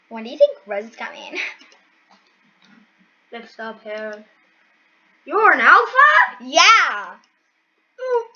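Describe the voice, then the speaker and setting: An amateur voice actress performs all the characters in a fan-made, anime-style story video, delivering its dialogue dramatically. Her voice is high-pitched with a sharp tone, and the recording is muffled and lo-fi.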